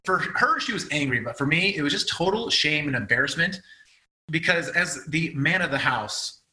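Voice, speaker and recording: A man with a bright, tense, slightly high voice tells a personal story to an interviewer. He talks earnestly, owning up to past mistakes in a plain, conversational tone. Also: expressive, moderate pace, rough recording. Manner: earnest, confessional. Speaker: guest, husband telling a couple's story. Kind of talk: casual storytelling.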